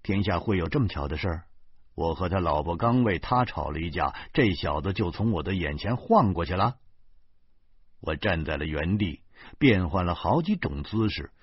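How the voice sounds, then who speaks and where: A man narrating an audiobook with a Beijing accent, wry and colloquial. His low voice is husky and swings widely in pitch. The recording is dry and dull, lo-fi. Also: dry recording.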